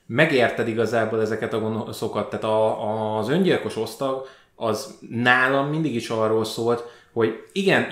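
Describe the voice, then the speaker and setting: A man co-hosting a podcast, chatting casually about films and often pausing on filler sounds. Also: lowish voice. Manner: hesitant, many filler sounds. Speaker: podcast co-host. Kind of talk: casual film chat. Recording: roomy echo.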